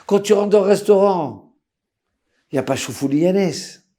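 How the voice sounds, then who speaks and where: A man, a rabbi, giving an animated storytelling sermon and acting out the voices of the people in it. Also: sits high, normal speed. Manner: lively swings between loud and hushed.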